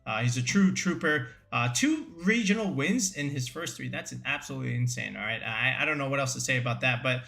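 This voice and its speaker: A man giving casual, energetic commentary on competitive game teams, full of fillers and tag questions. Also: medium pitch, fairly quick, creaky, hardly any pauses. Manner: energetic, filler-heavy, keeps saying "right?". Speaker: competitive Pokemon content creator.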